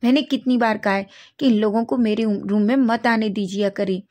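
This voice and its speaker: Brief: spoiled young male celebrity, petulant and shouting, read by a woman in a storybook. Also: a little high, fairly even intonation, normal speed, natural voice.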